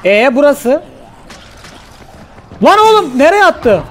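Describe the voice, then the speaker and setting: A man hosting a gaming channel, giving casual let's-play commentary in an excitable way, often swearing and yelling at the game. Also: very high-pitched, slow pace, a little hiss or hum.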